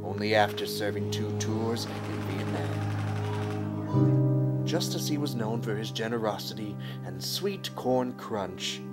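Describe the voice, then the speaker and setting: An actor playing an earnest noir detective, narrating and questioning in a film noir parody. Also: male voice, on the low side, a little slow, lightly acted. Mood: brooding narration. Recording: loud music over the voice.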